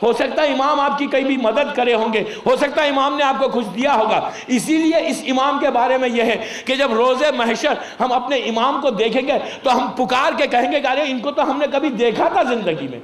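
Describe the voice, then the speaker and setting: A man with an Indian Urdu accent giving a sermon, explaining with everyday examples, mixing in English words and urging listeners directly. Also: extremely high pitch. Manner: pleading, urges listeners directly. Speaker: Shia cleric giving a majlis sermon. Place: religious gathering hall. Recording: echoey hall.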